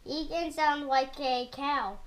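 A woman's voice: high-pitched, fairly even intonation, takes it slowly. A woman hosting a children's book read-aloud, reading carefully and imitating the sounds in the story. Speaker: host reading a picture book.

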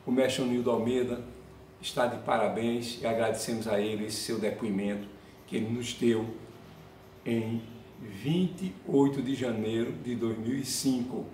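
A man's voice: mid-range voice, fairly even intonation, normal speed, darkish tone. A man presenting a documentary, giving a formal and courteous tribute to the man interviewed. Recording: roomy, distant mic with faint noise.

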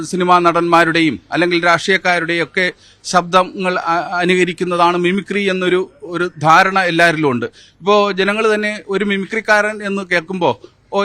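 Hesitant fifty-something man, bright dry voice. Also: sits high, dry recording. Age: 50s. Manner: hesitant, many fillers, measured. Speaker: former mimicry champion, interviewee. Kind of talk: interview answers with poem recitation.

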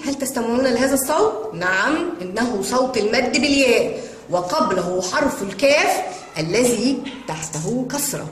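A woman teaching young children to read, spelling out words in long drawn-out sounds. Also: a little high, animated. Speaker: kindergarten Arabic teacher. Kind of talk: children's reading lesson. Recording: echoey room with long reverb and faint noise.

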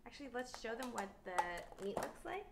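A chatty woman hosts a cooking show from an indoor kitchen, laughing often and asking her guest question after question. Her voice has a gravelly edge, and a steady hiss of noise sits behind it. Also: a little high, normal speed. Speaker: host. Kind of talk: casual cooking chat.

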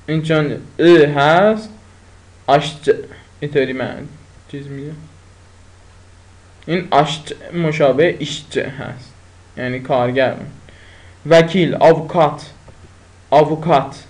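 A man teaching a language lesson, saying each new word several times and explaining it with pauses and fillers. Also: on the high side.

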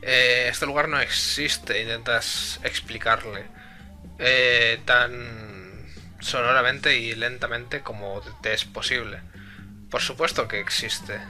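Slow, bright-voiced male streamer. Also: medium pitch, fairly even intonation, faint music behind. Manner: hesitant, many fillers. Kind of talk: live-stream translation and chat.

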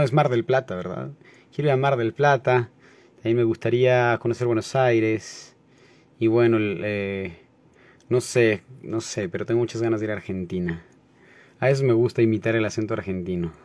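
A man with a Mexico City accent chatting casually on a late-night livestream, greeting viewers by name in relaxed, slangy talk. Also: mid-range voice. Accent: Mexico City Spanish. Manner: laid-back, slangy, greets viewers by name, laughs often.

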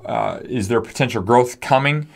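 A pastor in his forties co-hosts a casual podcast discussion in a small studio, speaking into a stand-mounted mic. He explains things earnestly at a moderate pace, his medium-pitched voice carrying some vocal fry.

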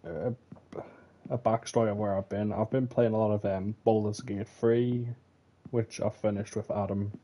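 A man's voice: lowish voice, fairly even intonation, normal speed, warm tone. A man casually commenting on a horror game he plays, rambling with many fillers and wry remarks. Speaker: gameplay commentator. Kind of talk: casual let's-play commentary.

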